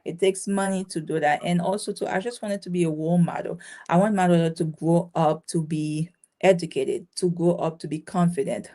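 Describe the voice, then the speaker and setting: A Haitian-born woman who owns a caregiving business talks casually as an interview guest, chatty and full of restarts and fillers, laughing easily. Her voice is on the low side, steady, brisk and mellow.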